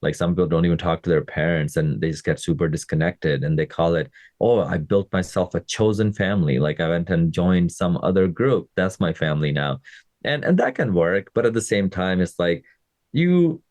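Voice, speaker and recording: On his casual motivational podcast, a Pakistani man in his thirties who coaches fitness talks to listeners at a moderate pace, checking in with them often. His voice is low, deep and darkish, captured close in a dry recording with no room sound.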